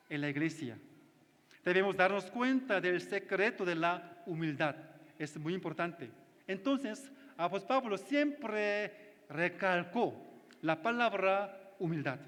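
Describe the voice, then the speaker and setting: Male pastor, sermon, high voice, slow and deliberate, plain phrasing, long hall echo. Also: fairly bright tone. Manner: simple non-native phrasing, frequent check-in questions. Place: church retreat hall.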